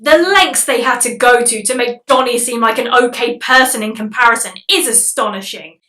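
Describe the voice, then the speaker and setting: A woman narrates a comedic film review with sarcastic, sweary exasperation. Her voice is high and bright. The recording sounds roomy, with the mic a little distant. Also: moderate pace.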